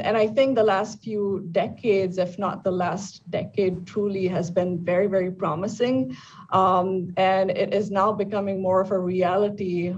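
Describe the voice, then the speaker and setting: A woman in her thirties, an oncologist, explaining things in a measured way with frequent ums during a live news interview over video call. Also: mid-range voice, darkish tone. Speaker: lung cancer oncologist. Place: bright indoor room. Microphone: video call from home or office. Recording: distant, dull video-call audio with faint room noise.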